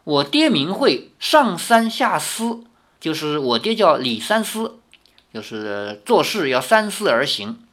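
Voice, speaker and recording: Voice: mid-range voice, very animated, slow, a bit bright, exaggerated voice. A reader voicing a naive young man who answers earnestly and stammers when embarrassed. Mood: flustered.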